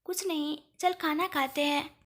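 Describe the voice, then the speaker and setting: A woman's voice: sits high, fairly even intonation, measured pace, a bit bright. Woman voicing an amused young uncle. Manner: light, amused. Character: cheerful young man, doting uncle.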